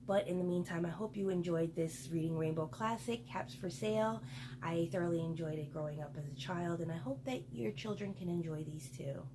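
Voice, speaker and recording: A woman's voice: lowish voice, brisk, noisy background. A woman reading a picture book aloud to children and adding chatty asides to her listeners. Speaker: storyteller for children.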